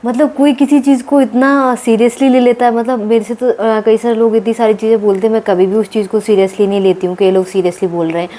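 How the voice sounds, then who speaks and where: A woman talking casually to her viewers in a late-night home vlog, with many fillers and throat clearing. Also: on the high side, warm tone, a little hiss or hum. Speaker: vlogger.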